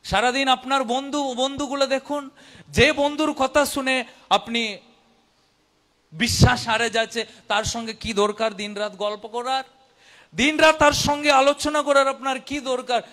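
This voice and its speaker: A man's voice: very high voice, steady tone, moderate pace, pushed and bright. A man preaching a sermon in Bengali learned as a second language, with a foreign accent, exhorting listeners with repeated phrases and rhetorical questions. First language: not Bengali, learned it as an adult language.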